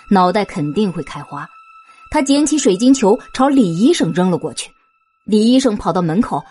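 A woman with a husky voice narrating a suspense audio drama in an expressive storytelling manner. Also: mid-range voice.

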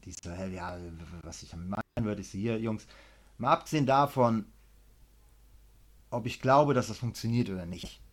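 A man's voice: lowish voice, moderate pace. A man who coaches martial arts, telling a story casually in a podcast interview, acting out both sides and swearing freely. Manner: gets loud when worked up.

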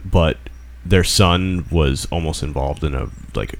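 A man's voice: extremely low pitch, unhurried, gravelly, a little hiss or hum. A man co-hosting a casual podcast chat, telling stories in a hesitant way full of fillers. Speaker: podcast co-host.

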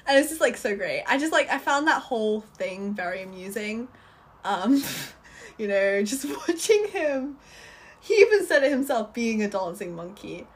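Chatty young woman, slightly husky. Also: fairly high pitch, fairly bright tone. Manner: chatty, rambling, many fillers and restarts. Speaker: film reviewer. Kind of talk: casual video review.

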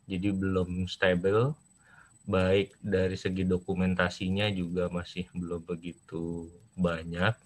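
A man's voice: sits low, completely flat delivery, a little slow. A man presenting at an online seminar, his voice muffled through a face mask. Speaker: presenter, university library head. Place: online video meeting.

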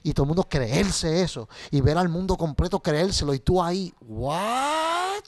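Animated bilingual man. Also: a little high, a little fast, slight background noise. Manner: switches between Spanish and English, swears freely, animated storytelling. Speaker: guest. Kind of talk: casual interview chat.

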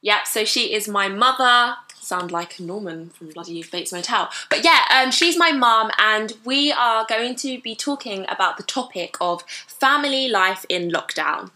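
A woman's voice: medium pitch, animated, a little slow, few pauses, sharp tone. A young woman hosting a casual podcast chat, teasing and laughing often. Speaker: podcast host.

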